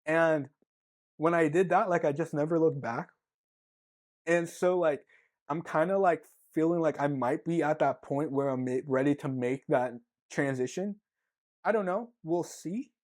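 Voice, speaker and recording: A man's voice: on the high side, a little slow, darkish tone. A man co-hosting a podcast in casual chat, rambling and packing his talk with "like" as he thinks aloud. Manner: rambling, filler-heavy, lots of "like". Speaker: podcast co-host.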